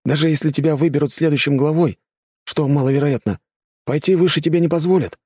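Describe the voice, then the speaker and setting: A man's voice: on the high side, slightly rough, no room sound, studio quality, pitched above the performer's own voice. A man voicing an earnest, idealistic young man in an audiobook, speaking eagerly. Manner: eager, fast and lively. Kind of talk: audiobook character voice.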